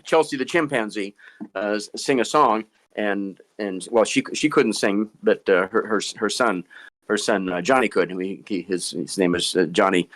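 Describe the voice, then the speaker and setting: A man's voice: lowish voice, normal speed, a bit bright. A middle-aged man tells stories as a ventriloquist guest in a casual interview, stammering over repeated words and chuckling. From Boston.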